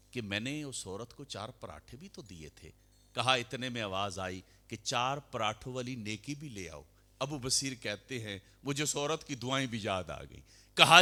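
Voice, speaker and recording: A male preacher telling a story in a sermon, animated and surging to loud emphatic peaks. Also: mid-range voice.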